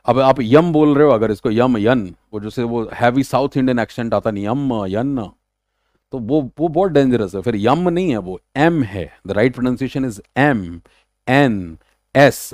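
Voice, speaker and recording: A man teaching an exam-prep English grammar lesson, explaining casually and slipping into slow, deliberate English. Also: medium pitch, darkish tone, no room sound, clean studio sound.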